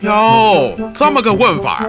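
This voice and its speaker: A man's voice: high voice, wildly swooping pitch, takes it slowly, music in the background, exaggerated voice. A man with a Taiwanese Mandarin accent playing a teasing, scolding mentor who narrates and coaches, chatty and sarcastic. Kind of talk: comic instructional narration.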